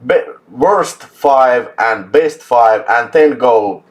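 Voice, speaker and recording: A man's voice: medium pitch, extremely slow. Enthusiastic Finnish-accented man hosting. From Finland. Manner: enthusiastic, laughs often, swears for emphasis. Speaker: host. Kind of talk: casual live chat.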